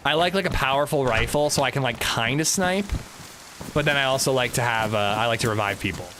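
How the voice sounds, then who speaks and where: Streaming a video game, a man chats casually with his viewers, rambling and swearing freely. His medium-pitched voice is brisk, with background noise present.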